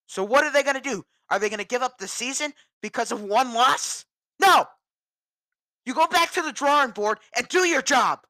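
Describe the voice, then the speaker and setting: A woman's voice: sits high, expressive, normal speed, pushed and bright, no room sound, clean studio sound. A woman from New England ranting about her team in an agitated, repetitive way. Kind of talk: ranting sports vlog.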